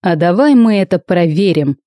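A woman's voice: fairly low pitch, lively intonation, normal speed, mellow, no echo, studio quality, close to an everyday voice. A woman voicing a curt, hot-tempered young male dragon student. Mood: angry. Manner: curt and challenging.

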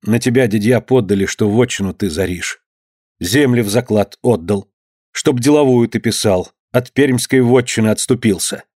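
A man's voice: medium pitch, normal speed, a little mellow, no echo, clean studio sound, close to an everyday voice. A man reading an audiobook and voicing a frightened young wife who speaks anxiously. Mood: worried. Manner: anxious, plaintive.

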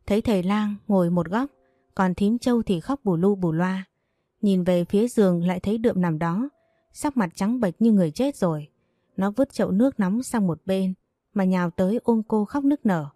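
A woman narrating an audio novel in an even storytelling manner. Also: medium pitch, normal speed, dry recording, studio quality.

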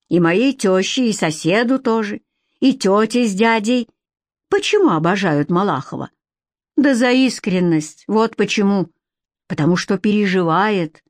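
A domineering middle-aged TV boss who talks down to everyone with mocking, lecturing condescension, as a woman reads him in an audiobook. The voice sits at a middling pitch, and the recording is close and dry. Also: dry recording. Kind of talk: audiobook character reading.

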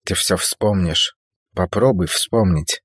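A man voicing a calm, soothing young woman. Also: deep voice, husky, no room sound, clean studio sound, heavily acted. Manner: soft, slow and soothing.

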